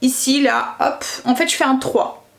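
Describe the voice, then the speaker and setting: A family vlogger and mother chats casually with her viewers while doing her makeup, her somewhat high voice carrying a gravelly quality. She narrates every small step aloud with quick little interjections, often trailing off and restarting or correcting herself.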